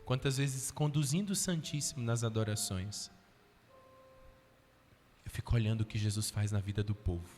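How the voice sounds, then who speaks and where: This priest's voice sits on the low side and is a little mellow, moving at a moderate pace with long pauses. Preaching at a healing retreat, he acts out voices in his stories and asks the audience questions. The auditorium echoes, with faint music underneath.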